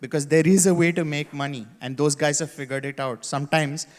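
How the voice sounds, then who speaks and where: Man, panel speaker, raised pitch, halting restarts, long hall reverb. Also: fairly even intonation, darkish tone. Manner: thoughtful, hesitant starts. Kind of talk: panel discussion. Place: conference hall.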